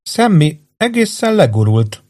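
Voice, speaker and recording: A male narrator voicing a cold mother who speaks in a flat, toneless way, higher than his own voice.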